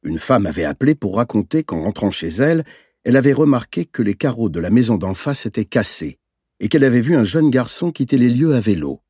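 A man narrating a novel in the first person, in a measured, reflective storytelling manner. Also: mid-range voice, sing-song, a little mellow, slightly rough, dry recording, studio quality. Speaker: audiobook narrator.

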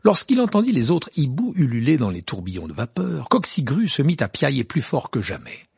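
Male audiobook narrator, expressive, raspy voice, dry recording. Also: medium pitch, brisk, no room sound. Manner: expressive reading, voices each figure. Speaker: audiobook reader. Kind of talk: storybook narration.

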